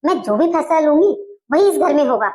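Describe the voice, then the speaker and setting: A bossy, scheming mother-in-law, as a woman puts her on in a family comedy skit. Her voice is very high and sharp-tongued, and she lays down the law and grumbles about being wronged. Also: animated, a little fast. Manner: bossy, scolding, tearful complaining.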